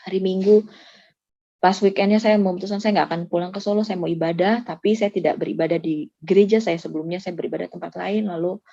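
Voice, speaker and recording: Woman giving a mellow, earnest testimony. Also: lowish voice, steady tone, gravelly, dry recording. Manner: earnest, emotional storytelling, often pausing. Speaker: church ministry worker. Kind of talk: personal faith testimony. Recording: slightly dull lo-fi, dry sound.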